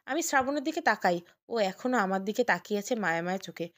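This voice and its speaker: A woman's voice: mid-range voice, lively intonation, quick pace. A woman narrating an emotional first-person audio story in an earnest, tearful tone.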